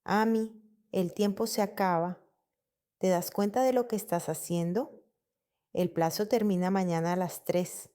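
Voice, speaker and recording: A woman reading the lines of a stern, furious father who shouts and dominates. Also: mid-range voice, steady tone, a little slow, clear, resonant tone, lightly acted. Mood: demanding.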